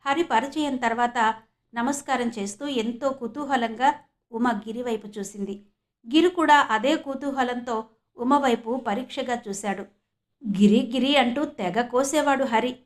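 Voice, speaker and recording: A woman from Andhra Pradesh in India narrating an audio novel with steady storytelling. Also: on the high side.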